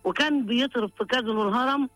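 A woman's voice: a little high, racing, a bit bright, no echo, faint music behind, poor audio. An older woman with an Upper Egyptian accent, calling in for advice and recounting her hardship in a pleading, emotional, repetitive way. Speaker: caller seeking advice. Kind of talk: personal account of hardship.

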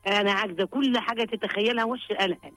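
An older woman with an Upper Egyptian accent calls in for advice, recounting her hardship in a pleading, emotional, repetitive way. Her medium-pitched, fairly bright voice runs very fast, with no room sound and faint music behind.

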